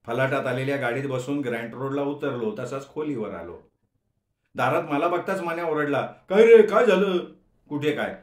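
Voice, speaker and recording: A man telling a humorous story in an expressive storytelling voice. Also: on the high side, roomy sound. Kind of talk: Marathi story reading.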